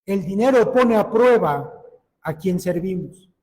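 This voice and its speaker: A man preaches a sermon, earnestly putting direct questions to his listeners. His voice sits very high for a man. The recording carries the long reverb of a hall. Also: animated, unhurried, darkish tone.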